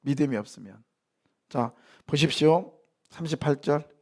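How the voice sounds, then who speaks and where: A man preaching a sermon in a church, lively, asking the congregation questions and answering them himself, now and then acting out short lines. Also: on the high side, moderate pace. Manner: acts out short quoted lines in sharp voices. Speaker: pastor. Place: church sanctuary.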